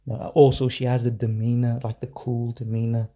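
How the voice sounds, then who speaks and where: A man recounting a story to his viewers in a loose, rambling way. His voice is mellow and dark, with a flat, even pitch. He stumbles over repeated words and swears offhandedly. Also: normal speed. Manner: irreverent, swears casually. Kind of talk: casual storytelling vlog.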